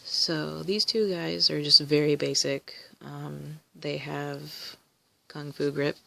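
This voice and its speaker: Gravelly-voiced woman showing her collection. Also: deep voice, fairly even intonation, takes it slowly, fairly bright tone, slight background noise. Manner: rambling, many ums and restarts. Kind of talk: casual show-and-tell video.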